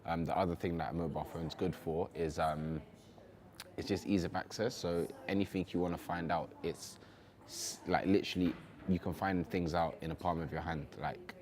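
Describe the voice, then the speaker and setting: A man in his twenties, a university student, chatting through interview answers in a relaxed way, full of "um" and "like". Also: low voice, moderate pace. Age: 20s.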